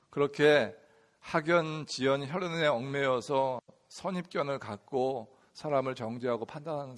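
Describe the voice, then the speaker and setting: Humorous pastor preaching a sermon. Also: male voice, a little high, fairly bright tone. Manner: humorous storytelling, addresses the congregation directly. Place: church sanctuary.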